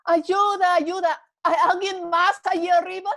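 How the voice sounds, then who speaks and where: A woman voicing a panicked man hanging from a branch over a cliff, pleading and shouting for help. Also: very high-pitched, level tone, unhurried, voice pushed up.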